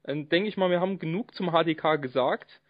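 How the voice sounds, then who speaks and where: A man hosting a casual podcast chat, speaking in a measured way and hedging with fillers. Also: on the high side, no room sound. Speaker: podcast host. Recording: dry, dull lo-fi sound.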